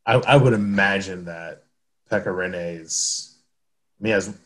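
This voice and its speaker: A man's voice: deep voice, takes it slowly. A man co-hosting a sports podcast in casual chat, rambling with frequent restarts and laughs. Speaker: podcast co-host.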